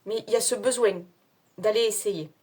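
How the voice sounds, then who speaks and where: A woman's voice: medium pitch, normal speed, a little mellow, slightly rough. A woman with her own accent, reading tarot cards to her viewers in a casual, hesitant way with many fillers. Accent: non-standard French accent. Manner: chatty, hesitant with many fillers, laughs at herself. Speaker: tarot card reader.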